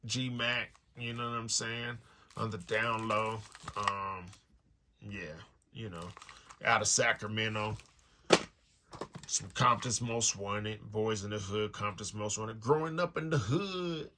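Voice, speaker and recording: Speaking slowly in a lowish voice, this American music collector and online shop owner rambles through an unboxing of his collection, talking to viewers in loose, slangy language. Clicks and background noise are clearly audible.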